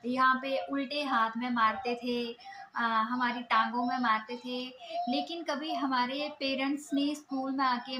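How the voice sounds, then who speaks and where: A woman's voice: high-pitched, background noise. A woman in her thirties from Himachal Pradesh with a Himachali Hindi accent, talking earnestly to camera in a home vlog and lecturing with many fillers. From Himachal Pradesh, India. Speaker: vlogger. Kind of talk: casual talk to camera. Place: home room, indoors, children asleep nearby. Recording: roomy echoey home recording.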